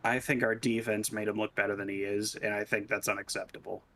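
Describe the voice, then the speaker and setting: A man's voice: lowish voice, little pitch movement, fast, sharp tone. A man co-hosting a sports talk stream, laid-back and agreeable, often restarting his sentences. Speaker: podcast co-host. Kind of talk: casual sports chat.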